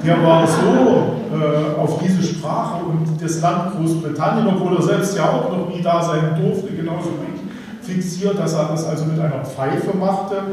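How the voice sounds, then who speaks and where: A man's voice: a little high, measured pace, a little mellow. A man in his fifties, an association chairman giving a ceremonial speech, reminiscing with some hesitant fillers. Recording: echoey hall from far off.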